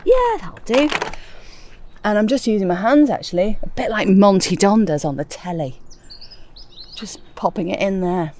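Planting away outdoors, a middle-aged gardening podcast host talks to her listeners in a chatty, self-amused manner while slightly out of breath. Her voice is fairly low and a little mellow.

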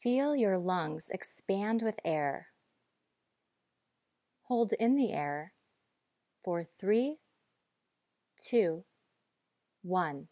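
A woman guiding breathing and muscle relaxation in a calm, measured, instructive way. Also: medium pitch, no echo, studio quality. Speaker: guide.

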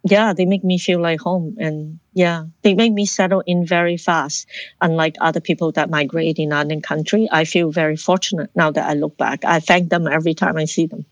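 Fairly quick and fairly even in intonation, this deep-voiced Hong Kong woman tells her personal life story as a guest in an interview. She is earnest and reflective and frequently begins sentences again. There's no echo on the recording.

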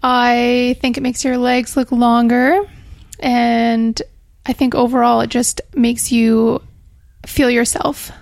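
A woman's voice: on the high side, little pitch movement, slow pace, vocal fry, darkish tone, dry recording, clean studio sound. A woman speaking casually as a guest in a podcast interview, recorded in a small room. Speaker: podcast guest, personal trainer.

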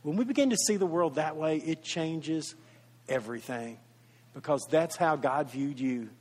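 A male pastor delivering a sermon in a fairly high voice. He preaches earnestly, swelling louder on key points and then falling to a quiet, tender hush. His voice trails off in the long reverb of a big church hall. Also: moderate pace. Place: church sanctuary.

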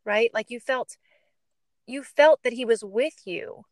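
A woman hosting an interview, reacting softly with affirming words. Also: a little high, no echo, studio quality. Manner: slow, affirming, soft reactions. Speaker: host.

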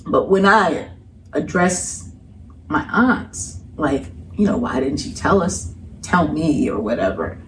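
A middle-aged woman telling a personal story in a casual, colloquial way as a podcast guest. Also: takes it slowly. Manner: animated, colloquial, breaks into laughter and high voices when quoting. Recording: distant mic with faint background noise.

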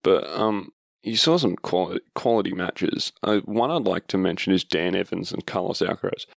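A man hosts a casual sports podcast by himself, recovering from having his wisdom teeth pulled. His voice sits very low with plenty of vocal fry, recorded close and dry. He rambles informally and interrupts himself as he goes. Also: moderate pace, no echo. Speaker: podcast host.

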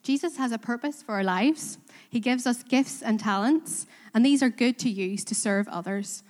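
In a reverberant church hall in Belfast, a woman with a Korean accent gives an earnest, self-deprecating sermon, posing questions to the congregation. Her fairly high, darkish voice moves at a moderate pace.

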